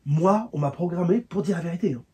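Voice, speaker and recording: A man voicing a husky, frank spaceship AI. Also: on the high side, fast, a little mellow. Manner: matter-of-fact, truth-telling. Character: blunt spaceship AI, genderless, coldly frank. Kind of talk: voice-over dubbing take. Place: dubbing studio booth.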